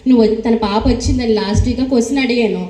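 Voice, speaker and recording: A woman playing a patient Sunday school teacher in a church skit, gentle and defensive when challenged. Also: fairly high pitch, steady tone, racing, natural voice. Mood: pleading. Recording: echoey hall.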